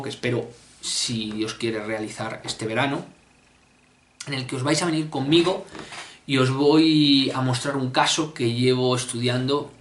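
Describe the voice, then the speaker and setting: A young man from Spain with a Spanish accent tells his stories casually to camera, in a mid-pitched voice. He talks with lots of fillers and restarts, often clears his throat, and grows lively as the story builds. The room adds a clear echo. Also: slight background noise. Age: 20s. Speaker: mystery channel host. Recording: echoey room.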